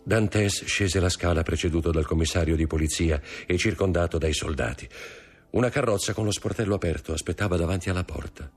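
A man narrating an audiobook in an expressive storytelling manner. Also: low-pitched, brisk, slightly rough, faint music behind. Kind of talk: audiobook reading.

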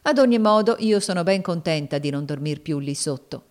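A woman's voice: lowish voice, lively intonation, fairly quick, darkish tone, lightly acted. A woman voicing a cold, mocking woman who taunts her master in a dramatic audiobook reading. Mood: cool scorn. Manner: scornful, sneering.

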